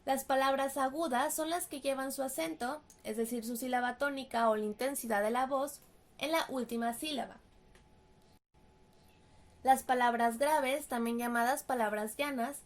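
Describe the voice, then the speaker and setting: A woman with a Mexican Spanish accent giving a scripted writing workshop lesson, explaining clearly and carefully and slowing down for examples. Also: sits high. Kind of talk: scripted teaching narration.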